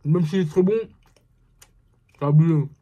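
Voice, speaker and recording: A man's voice: a little high, fairly even intonation, measured pace, warm tone. A young man vlogging a food tasting in casual slang, talking with his mouth full of fries. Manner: slangy, addresses viewers as brothers and guys.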